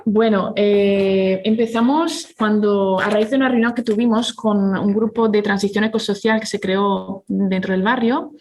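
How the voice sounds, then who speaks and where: A woman's voice: mid-range voice, steady tone, unhurried, few pauses, darkish tone. A woman in her forties from Italy, a neighborhood activist speaking as a guest, with frequent fillers and restarts. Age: 40s. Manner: hesitant, many fillers and restarts. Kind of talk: casual interview talk.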